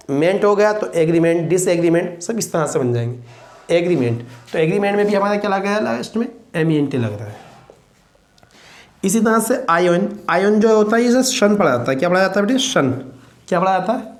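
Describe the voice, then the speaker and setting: A man, teaching a classroom vocabulary lesson and drilling students with repeated questions. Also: high-pitched. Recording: roomy echo.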